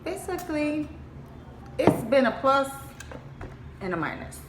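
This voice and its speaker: An animated woman from Puerto Rico chats casually and acts out the people in her stories. Her voice carries a roomy echo with faint ambience behind it. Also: high-pitched, measured pace, a little hiss or hum. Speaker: guest. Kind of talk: casual chat. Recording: echoey room, faint ambience.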